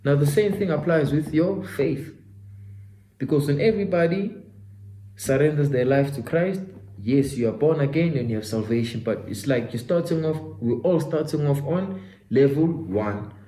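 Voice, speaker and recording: A man in his twenties, a self-development vlogger, offers a faith-driven motivational talk in a mellow, fairly high voice at an ordinary pace. Preachy and given to repetition, he refers to himself and his listener as "my guy." The poor-quality audio comes from an echoey room with slight background noise.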